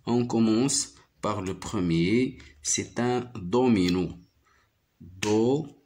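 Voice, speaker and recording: A man's voice: lowish voice, slow pace, darkish tone. A man teaching a primary phonics lesson, patiently repeating each word and syllable.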